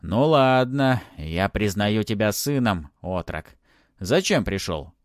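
A man's voice: lowish voice, expressive, slow pace, no echo, clean studio sound. A man doing Osiris, a crude bossy mummy. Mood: gruff bragging. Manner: gruff, bawdy and commanding. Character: crude ancient male mummy lord, boastful and irritable.

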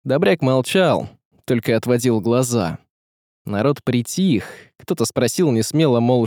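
A man's voice: mid-range voice, darkish tone, no room sound, studio quality. A man narrating a story as an audiobook reader, telling it expressively and voicing each character. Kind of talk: scripted narration.

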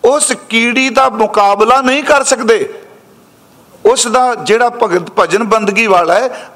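A man preaching a katha sermon, patiently explaining scripture word by word and repeating key phrases slowly. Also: high-pitched, a bit bright. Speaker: Sikh preacher giving scripture exposition.

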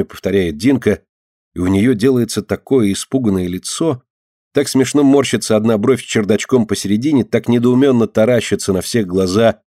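A man reading an audiobook in an even, steady storytelling manner. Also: on the low side, dry recording, clean studio sound. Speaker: audiobook reader. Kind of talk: scripted narration.

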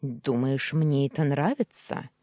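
A woman's voice: very deep voice, unhurried, warm tone, dry recording, studio quality. A woman voicing a bitter, scornful young wife of twenty-one who talks sharply and hisses her demands. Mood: bitter, angry.

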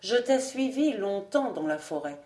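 A woman voicing a strange young albino man who speaks gently and sadly, in a roomy-sounding audiobook. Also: mid-range voice, expressive, a little slow, lightly acted. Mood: earnest. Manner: gentle, melancholy. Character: young albino man, wild, soft and melancholy.

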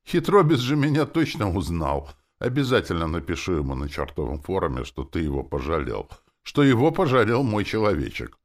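A man's voice: low voice, sing-song, brisk, voice pushed up. A man voicing a spiteful, boastful female demon who mocks and gloats. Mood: spiteful mocking. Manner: sneering and boastful. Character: mocking proud female demon, spiteful and loud.

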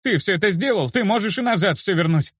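A man voicing a hot-tempered young male apprentice with a hoarse voice, in a dull, dry lo-fi recording. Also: high-pitched, fast talker, no room sound, voice pushed up. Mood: pleading. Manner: excitable, snappy.

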